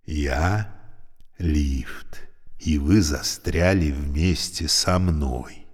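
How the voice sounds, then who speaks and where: A man voicing an old, creaky, talking elevator, speaking slowly and courteously with a weary, sorrowful politeness. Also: extremely low pitch, long reverb tail, exaggerated voice. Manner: slow, courteous, mournful.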